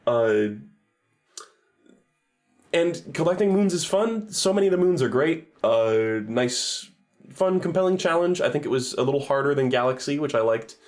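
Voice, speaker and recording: A man's voice: a little high, expressive, normal speed, a little mellow. Rambling, sweary male game streamer. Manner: rambling, sweary, self-correcting. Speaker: streamer reviewing games. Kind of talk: casual stream commentary.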